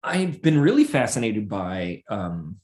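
Man co-host, a bit low, halting and musing. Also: big pitch swings, darkish tone. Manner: musing, halting, many fillers and restarts. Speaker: podcast co-host. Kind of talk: casual chat.

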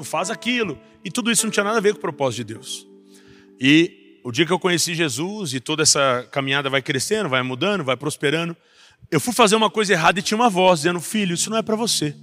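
A young Brazilian man preaching a personal testimony as a pastor, rising to intense passages and dropping back soft. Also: a little high, lively intonation, quick pace. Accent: Brazilian Portuguese. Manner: builds to intense raised passages, then drops soft. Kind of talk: sermon testimony. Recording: faint music underneath.

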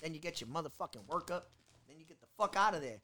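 Man, bright tense voice, slightly high, crude animated storyteller, podcast chat. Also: fast. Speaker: podcast co-host. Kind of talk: casual chat.

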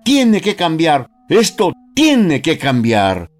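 A man's voice: medium pitch, sing-song, unhurried, soft background music. A man reading a storybook aloud, voicing a lonely, frustrated old man who raises his voice in exasperation. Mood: shouting.

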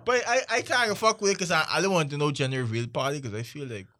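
A man's voice: on the high side, fast, bright, forceful tone. A man in casual group banter, talking in a slangy, argumentative, bro-ish way.

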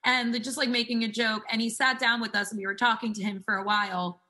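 Chatty bright-voiced young woman. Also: a little high, level tone, fast talker. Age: 20s. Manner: chatty, fills speech with "like". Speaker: singer guest. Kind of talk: casual storytelling interview.

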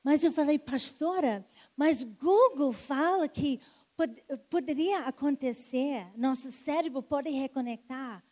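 Speaking slowly in a high-pitched, mellow voice, a woman preacher relates a healing testimony from the pulpit. She then issues an altar call, beckoning people forward to pray with growing intensity.

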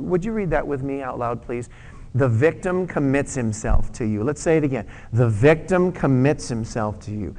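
A man preaching a sermon in an earnest, conversational way, asking the audience to respond. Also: fairly high pitch. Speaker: pastor.

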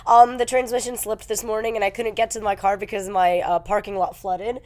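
A woman co-hosting a podcast in casual chat, giggly and playful, quick to tease. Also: medium pitch, flat delivery, a little mellow, a little hiss or hum. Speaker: podcast co-host.

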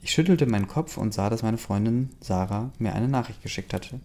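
A man reading a first-person story aloud in a steady, plain way. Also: on the low side, a little fast. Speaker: audiobook reader.

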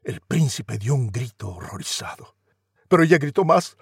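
A man's voice: medium pitch, big pitch swings, normal speed, creaky, husky, no room sound, clean studio sound. A man, a professional voice actor, reading a rhyming story in a theatrical, comic way.

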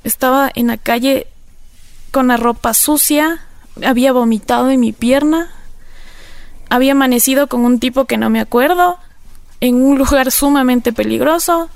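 A woman's voice: high-pitched, moderate pace, creaky, no echo. A woman with an Ecuadorian accent, candidly telling her personal recovery story in an interview, rambling with many fillers. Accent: Ecuadorian Spanish. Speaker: interview guest.

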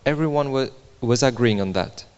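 A man's voice: medium pitch, moderate pace, darkish tone, clean tone, lo-fi sound. A man interpreting a sermon line by line into English, copying the preacher's emphasis and making small grammar slips. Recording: reverberant church hall.

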